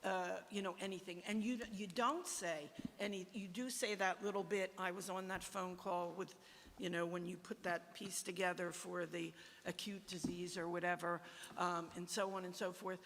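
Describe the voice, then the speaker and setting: A woman's voice: lowish voice, steady tone, fairly bright tone. Frustrated woman advocate in a reverberant room. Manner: emphatic, halting, repeats herself. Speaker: patient advocate. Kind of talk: frustrated debate at a meeting.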